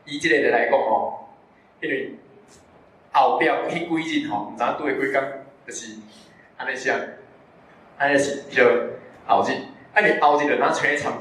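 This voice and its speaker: Man, casual public lecture, mid-pitched voice, tag particles, quizzes the audience, distant room recording, heavy echo. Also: moderate pace, pauses often, fairly bright tone. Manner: conversational, frequent tag particles, asks the audience questions. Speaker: guest speaker at a public talk. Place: bookstore event room. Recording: very echoey room, distant mic, faint noise.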